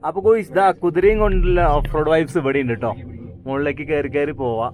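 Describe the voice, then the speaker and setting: A man with a Malayali accent chats casually and excitedly to viewers, repeating phrases and mixing Malayalam with English slang. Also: on the high side, quick pace. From Kerala, India. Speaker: travel vlogger. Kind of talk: casual vlog chat to viewers. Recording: noisy outdoor ambience with vehicle sounds. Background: outdoor ambience, vehicle noise.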